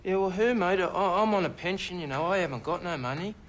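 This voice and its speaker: A rambling Australian junkie witness. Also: male voice, sits high, brisk, a bit bright. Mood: indignant. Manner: rambling, indignant, slangy, repeats "mate". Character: agitated scruffy male pensioner addict witness, cocky and evasive. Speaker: witness in court. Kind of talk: film drama acting.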